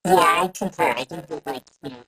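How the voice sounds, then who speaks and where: Male panel guest over a bad video call link, garbled and breaking up, brief and apologetic, harsh bright tone. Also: on the high side, a little fast, husky. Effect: garbled, dropping bad internet connection.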